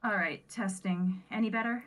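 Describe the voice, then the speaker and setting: A woman's voice: mid-range voice, normal speed, a bit bright. A woman guest voice actor talking through a computer microphone that makes her sound hollow and tinny, as if inside a metal can, while she laughs at herself and apologizes. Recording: tinny, distant computer mic.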